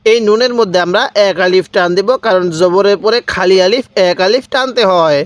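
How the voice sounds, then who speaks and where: High-voiced man teaching Quran reading. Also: no room sound. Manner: spells out letters slowly, drawn-out chanting of syllables; patient, repetitive explanations. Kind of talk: step-by-step recitation lesson.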